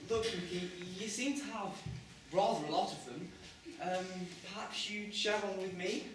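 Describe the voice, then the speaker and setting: A woman's voice: medium pitch, moderate pace, natural voice. A teenage girl playing a naive, well-spoken teenage boy in a school stage play, with a prim, posh way of talking. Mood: earnest. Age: teens. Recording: echoey room from far off, noisy.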